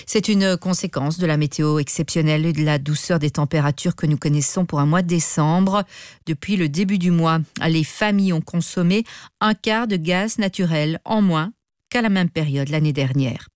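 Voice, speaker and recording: Low-voiced woman reading radio news. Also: normal speed, a little mellow, clear, resonant tone, no room sound, clean studio sound. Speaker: news presenter. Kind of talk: scripted radio news bulletin.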